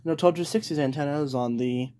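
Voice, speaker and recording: A collector presents his weather radios in an unscripted show-and-tell, wandering off topic, doubling back and repeating things. He talks fast in a warm, high-ish voice, captured in a noisy home recording full of clicks.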